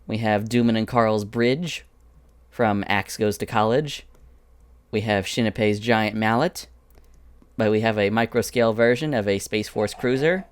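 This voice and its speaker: A man with a lowish, smooth, resonant voice gives a relaxed screen-recorded tour of his builds. The recording is dry and close, with no room around him. He talks in a chatty way and wanders off into little asides. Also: measured pace, no room sound. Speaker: animator showing his Minecraft prop world. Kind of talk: casual screen-recorded walkthrough.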